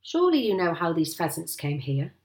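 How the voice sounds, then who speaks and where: Woman as storybook dad, adult man, calm, sly, soft-spoken, mock-earnest, unruffled. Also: fairly low pitch, brisk. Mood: calm, teasing.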